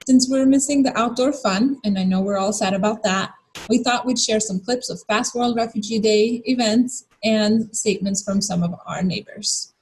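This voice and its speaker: A woman born in Bosnia and Herzegovina, welcoming viewers as co-host of a community celebration with friendly, occasionally halting delivery. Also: on the high side, a little mellow, husky, low-quality recording. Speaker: event co-host. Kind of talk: scripted welcome address.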